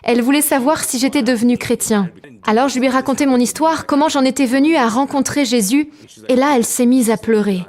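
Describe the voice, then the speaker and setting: A woman giving a calm, measured personal testimony as a translated voice-over. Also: sits high. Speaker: testimony narrator.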